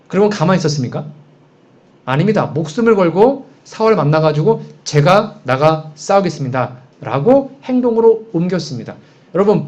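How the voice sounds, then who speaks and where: A man's voice: high voice, darkish tone. A man preaching a sermon in a conversational way, posing frequent rhetorical questions to the congregation. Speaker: pastor. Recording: dull, muffled sound.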